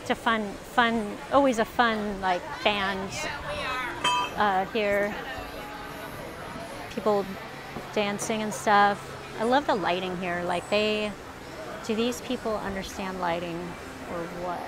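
A woman's voice: mid-range voice, fairly even intonation, slow pace, pauses often. A woman giving a casual, rambling live walking tour of a waterfront village at night, filmed on her phone as she walks and often correcting herself. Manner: chatty, rambling, self-correcting. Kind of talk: casual live-stream narration. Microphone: phone held while walking. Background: loud music from bars and live bands.

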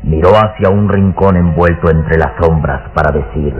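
A man's voice: low voice, moderate pace, soft background music, close to an everyday voice. A man narrating a gothic radio serial like an old serial announcer, solemn, theatrical and full of suspense. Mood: solemn, suspenseful. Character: grave storyteller of a gothic adventure serial. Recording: dull, noisy old radio recording.

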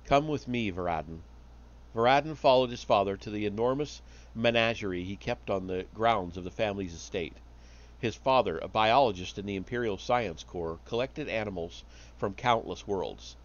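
A man reading a story aloud on a live stream, steady but with small slips and restarts. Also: lowish voice, moderate pace, lo-fi sound.

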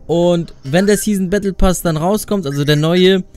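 A young adult man hosting a gaming video, talking casually and playfully in youth slang with an excitable manner. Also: sits high, moderate pace. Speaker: gaming video creator and host. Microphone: studio condenser microphone up close. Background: faint music.

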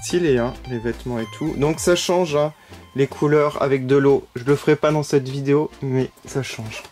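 A man's voice: mid-range voice, moderate pace, a little mellow. Gushing man unboxing toys over music. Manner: gushing, frequent delighted exclamations. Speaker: toy unboxing vlogger. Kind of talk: casual unboxing commentary. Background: background music.

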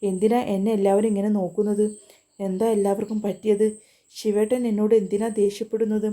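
A woman's voice: medium pitch, level tone, brisk, warm tone, lightly acted. A woman voicing a frightened young woman who pleads through tears, in a spoken family story. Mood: bewildered. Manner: tearful, pleading questions.

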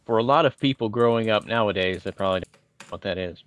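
A man's voice: fairly low pitch, fast talker, clean tone. A man from Indiana, podcast co-host, telling chatty, winding stories with self-deprecating asides. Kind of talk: casual nostalgic storytelling.

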